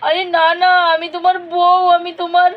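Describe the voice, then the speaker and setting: A hot-tempered young village wife, played by a woman who scolds and wails in melodramatic fashion, for a doll puppet-show cartoon. Her voice is very high and stays on a flat, narrow tune. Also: moderate pace. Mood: fretful.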